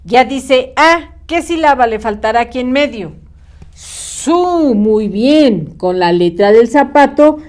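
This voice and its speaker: A woman teaching a children's spelling class in a high, bouncing voice. She speaks slowly and drags out each syllable. Her tone stays patient and encouraging. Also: animated, a little mellow. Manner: slow, encouraging, drawn-out syllables.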